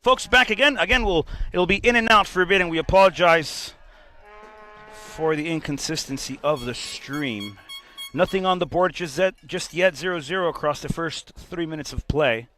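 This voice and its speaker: A man's voice: a little high, moderate pace, sharp tone, low-quality recording. A man giving live play-by-play commentary on a soccer match for a stream.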